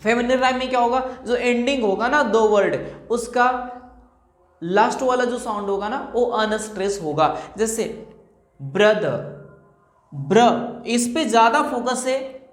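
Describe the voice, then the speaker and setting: A woman teaching English rhyme types in Hindi mixed with English terms. She asks a question herself and then answers it, and she repeats example words slowly to show the stress. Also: a little high. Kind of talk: classroom-style lesson explaining rhyme types. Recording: echoey room.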